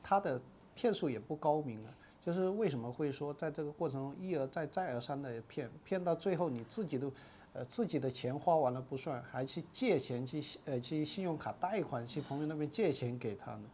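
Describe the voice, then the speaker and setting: A woman hosting an interview, asking calm, probing questions with brief acknowledgments. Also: low voice, a little fast, a little hiss or hum. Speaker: interviewer host.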